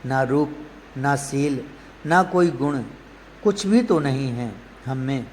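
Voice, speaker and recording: A man's voice: mid-range voice, slow pace, darkish tone, close to an everyday voice. A man voicing a grieving young cowherd woman who pleads and laments with questions, during a devotional story in a reverberant hall. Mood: lamenting. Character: grieving young female cowherd, lovesick and self-reproaching. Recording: reverberant hall, faint noise.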